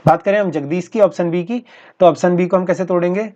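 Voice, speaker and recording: A male teacher going through practice exam questions in a steady, explanatory way, often repeating each answer. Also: sits high, fast talker. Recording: dull lo-fi recording.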